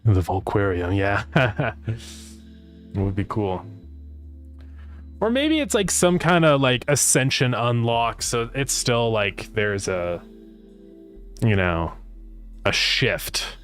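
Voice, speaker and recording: A man's voice: on the low side, sing-song, slow, pauses often, fairly bright tone. A man chatting casually as a game developer livestreamer, rambling as he thinks aloud, his speech slightly slurred by retainers. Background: music.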